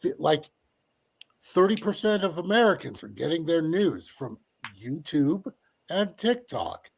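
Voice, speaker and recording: Wry fifty-something man, gravelly. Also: a little high, sing-song, a little slow. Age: 50s. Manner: wry, self-mocking. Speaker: guest, reporter. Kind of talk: casual chat.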